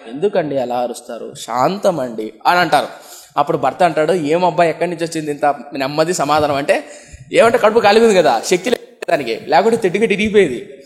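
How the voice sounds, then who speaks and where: A young man from India preaching a sermon, often asking the congregation questions and acting out comic quotes. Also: high-pitched. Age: young adult. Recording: long hall reverb.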